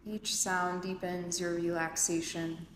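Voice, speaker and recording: A female yoga nidra instructor leads a guided meditation, speaking calmly in measured phrases with long pauses. Her voice is fairly low in pitch. It's recorded live in an indoor urban yoga studio with roomy echo and faint ambient room and city noise.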